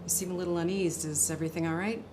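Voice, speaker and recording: A woman playing a tough, businesslike homicide detective in a drama, questioning in a measured, insistent way. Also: on the low side, steady tone, noisy background, lightly acted. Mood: controlled, probing. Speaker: actor. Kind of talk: dramatic interrogation scene acting. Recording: loud music behind the voice. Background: loud instrumental music.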